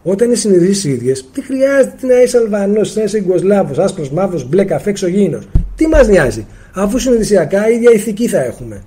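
A man from Greece giving a live seminar as a spiritual teacher, answering viewer questions, addressing listeners as friends and acting out little dialogues with sudden jumps in pitch. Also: very animated, warm tone, a little hiss or hum.

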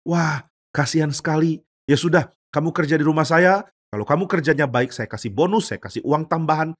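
A man's voice: fairly high pitch, brisk, close to an everyday voice. A man voicing a wealthy master who speaks in a bossy, talkative way. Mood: jovial. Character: wealthy master, jovial then stern.

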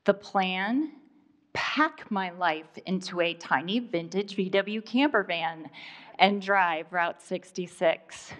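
A woman in her fifties from Iowa performs a personal monologue on a live stage, speaking deliberately with dramatic pauses. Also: lowish voice, a bit bright. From Iowa, USA. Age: 50s. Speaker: storyteller.

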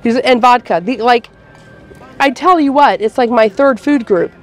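A woman's voice: a little high, moderate pace. A woman reviewing food outdoors at a festival, chatting casually with plenty of filler words. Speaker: food vlogger.

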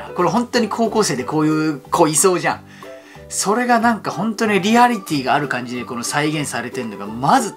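Male fan-channel host, excitable, rattles on fast with a lively bouncing voice, music bed underneath. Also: sits high. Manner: excitable, rapid-fire talking. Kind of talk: excited reaction commentary.

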